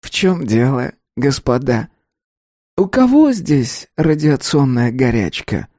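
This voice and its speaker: A man reading aloud and voicing a small, thin, sly official with an insinuating, slow, mocking voice. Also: mid-range voice, big pitch swings, mellow, no echo, studio quality.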